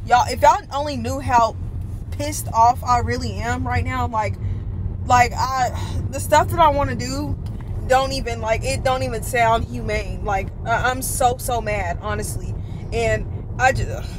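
A woman's voice: on the high side, a little slow, background noise. Upset young woman venting to camera. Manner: upset, venting, repeats herself. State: pregnant. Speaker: vlogger. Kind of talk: casual vlog talk to viewers.

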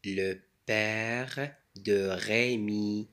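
A man teaching French reading, sounding out words slowly with pauses and explaining in Arabic. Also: fairly low pitch, fairly even intonation, a bit bright. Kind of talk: slow syllable-by-syllable reading lesson.

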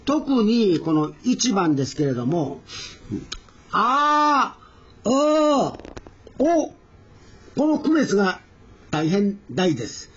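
A man teaching Korean pronunciation in a recorded lesson, slowly drawing out each vowel sound as he demonstrates it. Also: high voice, very animated, darkish tone, husky. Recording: dull lo-fi recording.

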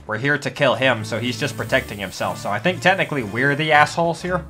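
A man's voice: mid-range voice, fast, sharp tone, soft background music. A man hosting a gaming video, chatting casually and profanely, joking and slipping into pirate talk. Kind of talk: casual gameplay chat.

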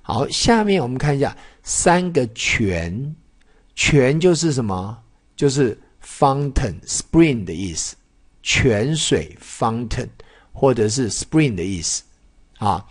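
A man teaching a children's Chinese lesson, drawing out syllables slowly when modelling pronunciation and mixing in English words. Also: medium pitch, sing-song, slightly rough. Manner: switches between Mandarin and English words.

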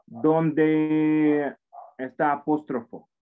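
Very slow and steady, this man's fairly high voice carries a little hiss or hum as he, in his forties and not a native Spanish speaker, teaches an English class online in accented Spanish. He's encouraging and patient, repeating himself often. He sits indoors at a computer, captured by a video-call mic with tinny, phone-like quality.

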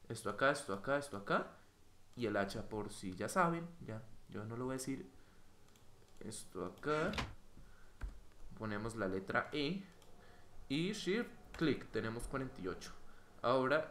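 A young man with a Colombian Spanish accent giving excitable Minecraft gameplay commentary, swearing and yelping at mishaps. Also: lowish voice. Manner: excitable, swears, bursts into yelps. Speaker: gaming youtuber. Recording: bright roomy home mic with faint noise.

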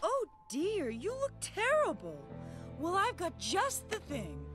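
A woman's voice: very high-pitched, wildly swooping pitch, slow pace, heavily acted. A woman voicing a doting but bossy suburban mom and wife in a cartoon. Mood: sweet, doting. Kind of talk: animated cartoon voice acting. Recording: music behind the voice.

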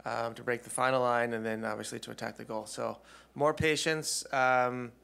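A man in his forties at a postgame press conference speaks into a desk microphone in a press room. His voice sits at an ordinary middle pitch. He answers steadily and thoughtfully, pausing with frequent ums. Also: steady tone, vocal fry, bright, forceful tone, smooth. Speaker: head coach. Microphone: desk mic on stand.

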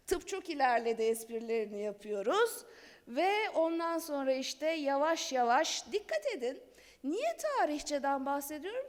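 A middle-aged woman speaking at a lectern microphone in a large conference hall, giving a chatty, conversational law talk with light laughter. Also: sits high. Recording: long hall reverb.

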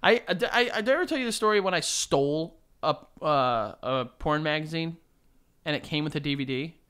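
A man's voice: a little high, lively intonation, brisk, fairly bright tone, clean tone. A young man co-hosting a podcast in casual, crude banter, rambling with laughing asides, recorded on a desk mic in a small studio. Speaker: podcast co-host. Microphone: desk-mounted podcast mic, headphones.

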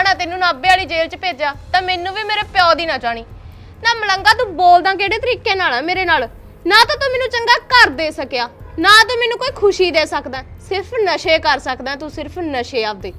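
A woman's voice: very high-pitched, heavily acted. A woman acting a fed-up young wife who works as a housemaid and scolds her husband in a short drama film. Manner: sharp-tongued, scolding, taunting.

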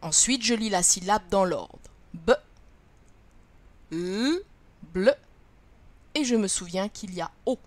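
A first-grade teacher leads young children through a reading lesson, sounding out letters and syllables slowly and clearly. Her voice is mid-range, and the recording is dry.

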